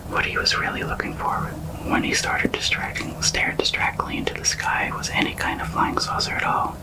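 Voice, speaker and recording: A middle-aged man whispers an ASMR book reading, halting now and then and repeating words. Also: low-quality recording. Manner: whispering throughout.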